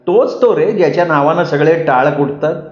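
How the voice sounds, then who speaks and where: A man voicing an elderly, sharp-tongued village mother who scolds and teases fondly, in a roomy, dull recording. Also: low voice, normal speed, close to an everyday voice. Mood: complaining. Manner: scolding, teasing.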